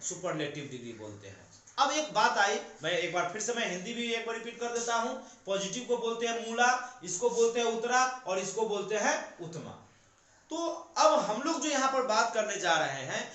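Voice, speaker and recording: Man, very high voice, grammar teacher, asks and answers himself, heavy room echo. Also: fairly bright tone. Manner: explains step by step with questions he answers himself. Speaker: English teacher. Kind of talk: classroom grammar lesson. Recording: very echoey room.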